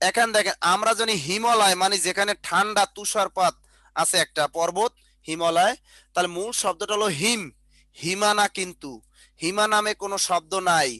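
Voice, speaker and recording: A man's voice: high-pitched, sharp tone, no room sound. A man teaching a grammar lesson over a video call, explaining each step and putting questions to his students before answering them himself. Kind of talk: online Bengali grammar lesson.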